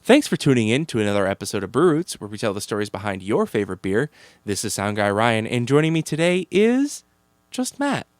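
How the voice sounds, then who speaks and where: A man's voice: medium pitch, sing-song, brisk, slight background noise. A man with a Boston accent co-hosting a casual beer podcast, chatty and laughing easily. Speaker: podcast co-host.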